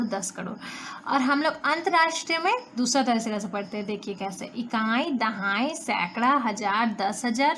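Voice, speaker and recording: A woman's voice: a little high, a bit bright. A young woman from India teaching a math lesson, patiently counting through place values and answering her own questions. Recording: faint background noise.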